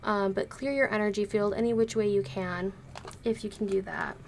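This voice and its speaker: Slightly hoarse from being sick, a woman tarot reader goes through a reading easily and carefully, protecting her voice. She speaks at normal speed with a gentle tone, middle pitch and fairly even intonation, over a faint background hiss.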